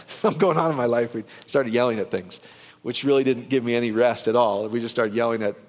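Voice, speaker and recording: A man's voice: mid-range voice, fast, a little mellow. A man preaching a casual, rambling sermon, talking to the congregation with many restarts and quoted asides. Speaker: pastor. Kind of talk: conversational sermon. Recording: long hall reverb.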